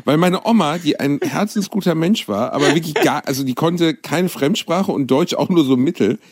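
A man's voice: fairly high pitch, moderate pace, dry recording, studio quality. A man co-hosting a casual comedy podcast, telling stories and mimicking mispronunciations with plenty of animation. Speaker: podcast co-host.

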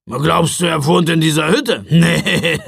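A man doing Knecht Ruprecht, gruff shaggy old man. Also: on the high side, takes it slowly, a bit bright, dry recording, studio quality, pitched above the performer's own voice, exaggerated voice. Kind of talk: audiobook character voice.

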